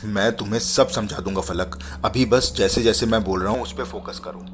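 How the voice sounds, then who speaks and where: A man voicing a frightened young man trapped in the dark, urgent and pleading in a hushed tone. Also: fairly low pitch, steady tone, brisk, close to an everyday voice. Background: background music.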